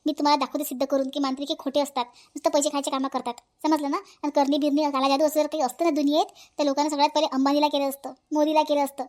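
A brash young village woman with a Vidarbha accent, lecturing and scolding with total confidence, as a woman voices her for a cartoon. Her voice is high and bright. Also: flat delivery, racing, few pauses, natural voice. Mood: scornful. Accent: Vidarbha Marathi. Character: bold clever young village woman Priyanka. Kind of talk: cartoon voice acting.

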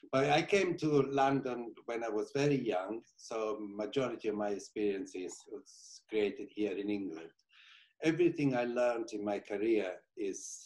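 A man's voice: on the low side, poor audio. A middle-aged man with an Italian accent answering interview questions casually over a video call, chatty and searching for words. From Italy. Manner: warm, chatty, laughs easily, searches for words. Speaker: interior designer guest. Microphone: video call from a home living room.

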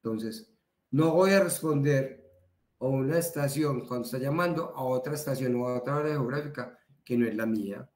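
A man's voice: medium pitch, normal speed, darkish tone. A man with a Colombian accent giving a training talk in a conversational way, repeating words for emphasis. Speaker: instructor. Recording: roomy echo.

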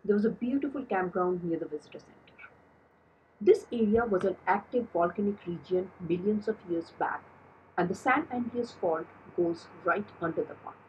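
A woman narrating her hiking vlog in a calm, scripted voice-over. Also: on the low side, moderate pace, slight background noise, rough recording. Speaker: travel vlogger.

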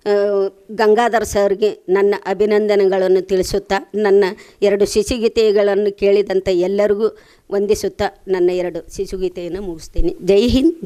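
A woman singing traditional nursery rhymes and lullabies, with short spoken introductions between them. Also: mid-range voice. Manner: sings in a gentle lilting lullaby tune. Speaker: program participant reciting children's songs.

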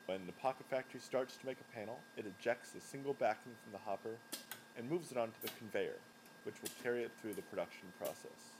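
A man giving a scripted voice-over that explains a machine step by step, in an even, explanatory way. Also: mid-range voice, fast talker, background noise.

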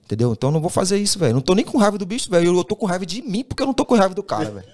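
Fast-talking man telling a story. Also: sits high. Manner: animated, acts out quoted dialogue, says "velho" constantly. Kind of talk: casual storytelling.

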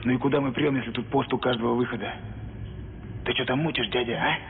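An actor playing a tough, threatening young soldier who talks in brash, confrontational street slang. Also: male voice, mid-range voice, fairly even intonation, quick pace, a little hiss or hum, lightly acted. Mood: suspicious. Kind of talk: film acting. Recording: phone-like film audio with music.

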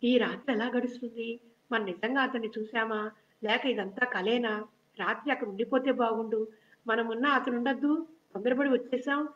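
Lovesick young princess, shy and fretful, fairly high voice, dull lo-fi sound, read by a woman. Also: steady tone, moderate pace, reverberant, lightly acted. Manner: fretful, self-reproaching. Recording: dull lo-fi recording.

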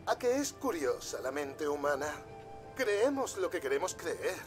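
An actor playing an unhinged, gloating game villain who talks in a taunting, theatrical way. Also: male voice, fairly high pitch, very animated, unhurried, faint music behind. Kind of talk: video game voice acting.

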